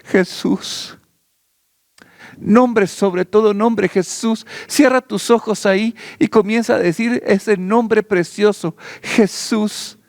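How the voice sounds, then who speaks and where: A man preaching a sermon as pastor, repeating phrases in a fervent cadence, then praying in slow, pleading words. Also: sits high, steady tone, vocal fry, darkish tone, no echo. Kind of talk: sermon turning into prayer.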